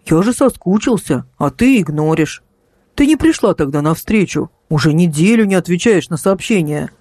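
A woman's voice: lowish voice, expressive, moderate pace, a little mellow, no echo. A woman voicing a young man, a manipulative ex-boyfriend who pleads and then snarls threats in an audiobook. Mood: wheedling.

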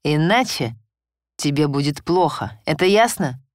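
A woman's voice: low-pitched, animated, a little slow, no room sound, studio quality. A woman voicing a cruel, mocking abusive husband who barks his threats. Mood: menacing, sneering. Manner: barking, menacing, mocking.

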